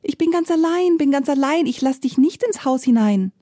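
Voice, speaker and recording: A woman voicing a tiny frightened piglet in a high squeaky voice, in a storybook reading. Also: lively intonation, normal speed, warm tone, dry recording, studio quality. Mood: defiant.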